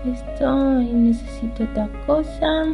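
Her voice sits high and gravelly, and she takes her time as she plays through a video game for her gaming channel. The commentary is casual and hesitant, half aimed at herself, over game music.

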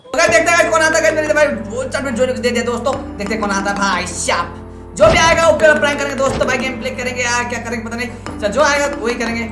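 Young guy gaming streamer, high voice, fast teasing banter, echoey room with music playing.

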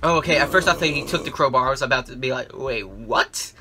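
Thinking out loud through a horror game, this young adult gamer with a facecam speaks at a quick pace in a medium-pitched male voice. The background is noisy.

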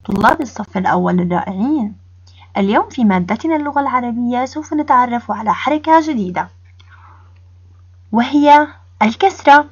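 A woman teacher leading a first-grade reading lesson, sounding out letters slowly and praising the class, with a Jordanian Arabic accent. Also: sits high, no echo, lo-fi sound. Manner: slow, drawn-out sounding of letters with call-and-response praise.

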